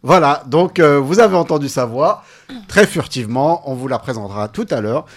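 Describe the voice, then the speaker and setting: A man hosting a local radio show, relaxed and unhurried, with frequent "euh" fillers. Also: mid-range voice. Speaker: radio host.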